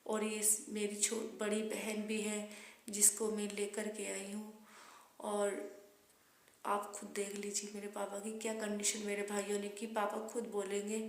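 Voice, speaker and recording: A woman talks straight to the viewer in an earnest, pleading appeal. Her pitch barely moves, staying level and even from phrase to phrase. The sound bounces around an echoey room. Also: measured pace. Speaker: vlogger appealing for help. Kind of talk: monotone direct-to-camera appeal.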